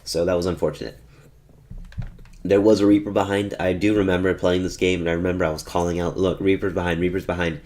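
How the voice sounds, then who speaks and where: A man's voice: sits low, level tone, fast, a little mellow. A man giving casual commentary over his own match footage, rambling and often correcting himself as he explains. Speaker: gaming tutorial host.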